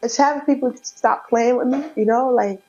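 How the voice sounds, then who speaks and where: This is a young Brooklyn, New York woman appearing as a comedian guest, chatting casually and streetwise in an interview with frequent laughter. She speaks at a moderate pace in a slightly high, darkish voice, captured on dull lo-fi audio.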